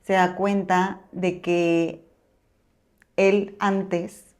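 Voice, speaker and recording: A woman podcast host, speaking in a relaxed, conversational tone as she tells a story. Her voice sits a little low for a woman. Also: extremely slow.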